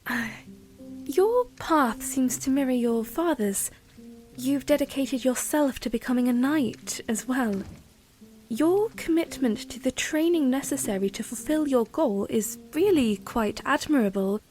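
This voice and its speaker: A high, youthful princess played by a woman speaks slowly over music. She is earnest and gentle, choosing formal words with a hesitant delicacy, as in a fantasy audio drama. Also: lively intonation. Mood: earnest admiration. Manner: formal, careful phrasing with hesitant stammers.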